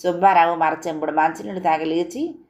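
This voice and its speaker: A woman's voice: on the low side, fairly even intonation, fairly quick, darkish tone. Woman reading a village story aloud. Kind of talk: audiobook story narration.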